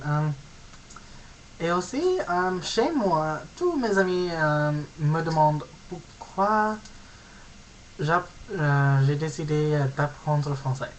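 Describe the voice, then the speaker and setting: A young man from California in his late teens with an American accent, a native English speaker giving a halting, casual self-introduction on his vlog as he searches for words. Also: fairly high pitch, a little hiss or hum, rough recording. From California, USA. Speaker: vlogger.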